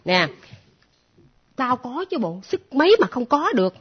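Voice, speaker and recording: This is a comedy sketch with a woman voicing a picky, brash unmarried woman in her late thirties, speaking. Her voice is husky and a bit high, and her pitch swings widely. The recording sounds dull and lo-fi. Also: big pitch swings, measured pace, heavily acted. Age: late 30s. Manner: brash, blunt, defensive. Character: picky unmarried woman near forty, scorns men.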